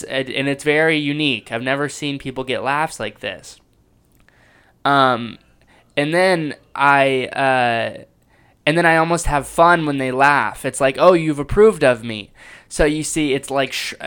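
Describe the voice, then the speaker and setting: A comedian talking excitedly and reflectively as he breaks down his own stand-up set. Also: medium pitch, unhurried, smooth. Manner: enthusiastic and self-reflective, with restarts.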